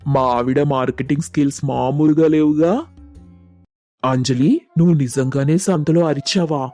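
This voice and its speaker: A man voicing the men of the family in an animated story, plain and teasing in manner. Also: a little high, normal speed, soft background music, lightly acted. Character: practical middle-aged father-in-law and teasing husbands.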